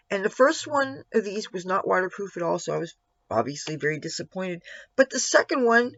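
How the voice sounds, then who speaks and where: Male makeup tutorial presenter: high-set voice with light gravel, chatty step-by-step delivery, dull lo-fi sound. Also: fairly bright tone, no echo. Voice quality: slightly gravelly. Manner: step-by-step self-narration with candid asides. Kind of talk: casual makeup tutorial chat.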